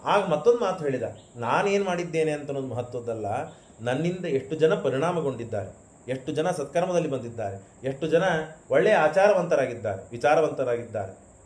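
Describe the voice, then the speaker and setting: A man's voice: on the high side, lively intonation, a little mellow. Man giving a sermon in an echoey hall. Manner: storytelling, chants Sanskrit verses slowly, rhetorical questions. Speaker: pravachan speaker. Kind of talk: scriptural discourse with recited verses.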